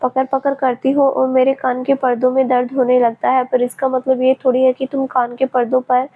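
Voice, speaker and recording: A woman voicing a teasing, protective young man in a storybook reading, her high voice flat and steady, on a tinny, phone-like recording. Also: moderate pace.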